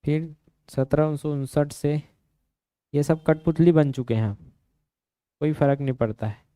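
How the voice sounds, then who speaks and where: A high-pitched man teaches an exam-prep history class. He keeps firing quick questions at his students and drills them on memory tricks, his voice smooth and clear with a dry, close sound. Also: dark tone, no echo.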